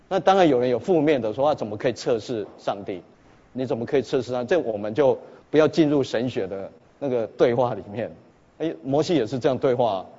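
A man's voice: medium pitch, darkish tone, slightly rough. A man preaching a sermon as a pastor, speaking emphatically and asking his listeners rhetorical questions. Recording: echoey hall, dull lo-fi sound.

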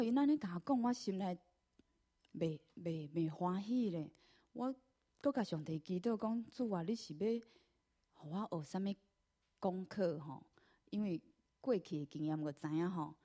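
A woman with a Taiwanese accent giving an earnest personal church testimony, telling her story with many drawn-out fillers. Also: fairly low pitch, dark tone.

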